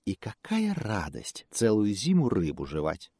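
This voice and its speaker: A man's voice: on the low side, wildly swooping pitch, unhurried, dark tone, husky, no echo, clean studio sound, heavily acted. A man voicing a sly female fox in a fairy tale, coaxing and giggly.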